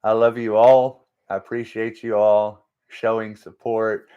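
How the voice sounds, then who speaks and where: A man hosting a faith-based motivational live stream, talking in a slow, halting way with many restarts and repeated words, and reading out and answering viewer comments. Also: on the low side, little pitch movement, clean tone, lo-fi sound.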